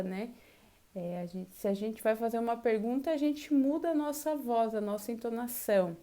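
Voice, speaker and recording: A woman with a Brazilian accent teaches an online class, patient and methodical. Her voice sits a little high, and she swings it sharply upward when she acts out example questions. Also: dark tone. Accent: Brazilian Portuguese. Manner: slow and explanatory, with exaggerated question intonation to demonstrate. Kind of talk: online Portuguese class lesson.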